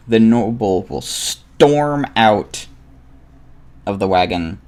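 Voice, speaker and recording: Slow, low-voiced man running a tabletop game. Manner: unhurried, with many fillers. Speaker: game master.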